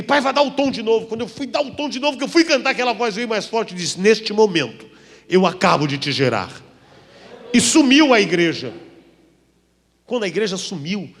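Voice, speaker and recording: A Brazilian man, a pastor, preaching a dramatic testimony sermon, acting out voices and swinging from hushed to loud. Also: sits high, in a large hall. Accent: Brazilian Portuguese. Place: church.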